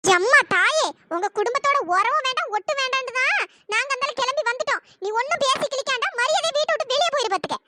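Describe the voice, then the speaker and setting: A performer voicing a sharp-tongued, furious middle-aged mother in a cartoon, scolding and shouting. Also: very high voice, animated, fast, heavy background noise. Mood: angry scolding. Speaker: angry aunt. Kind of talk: pitched-up cartoon voice acting.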